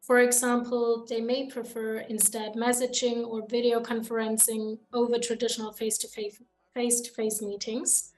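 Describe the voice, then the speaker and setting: A woman's voice: on the high side, level tone, moderate pace, poor audio. Young woman hosting a student podcast. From Germany. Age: young adult. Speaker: podcast host. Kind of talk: student podcast, read from notes.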